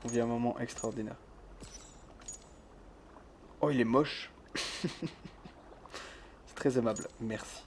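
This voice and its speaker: Chill guy streaming a game at home, talks quietly, slow, laughs a lot. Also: mid-range voice, steady tone, slight background noise. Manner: keeps his voice down, laughs often, reads the chat. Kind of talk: casual let's-play chat. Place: home room with thin walls.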